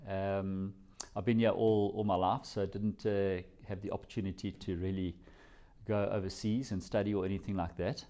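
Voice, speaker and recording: A man's voice: low voice, level tone, normal speed, warm tone. A South African man answering interview questions, telling his story in a reflective, rambling way. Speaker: company CEO, guest.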